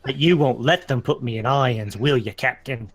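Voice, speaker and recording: A man's voice: mid-range voice, moderate pace, close to an everyday voice. A man voicing a creepy, gold-hungry male pirate who talks in a sly, wheedling way.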